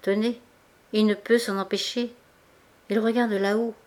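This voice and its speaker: A woman's voice: medium pitch, flat delivery, unhurried, darkish tone, close to an everyday voice. A woman reading as a heartbroken young woman. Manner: toneless, strained voice.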